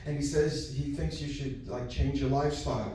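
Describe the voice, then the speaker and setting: A man's voice: medium pitch, steady tone, normal speed, mellow. An older man doing brash, profane, kvetching Borscht Belt stand-up. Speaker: stand-up comedian. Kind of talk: Borscht Belt stand-up, telling jokes to a crowd. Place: echoey live venue with an audience. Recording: very echoey noisy room, distant mic.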